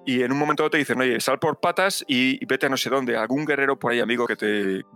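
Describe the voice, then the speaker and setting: A man, telling an animated story in a casual podcast chat. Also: medium pitch, fast, soft background music. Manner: animated storytelling with acted asides. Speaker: podcast host.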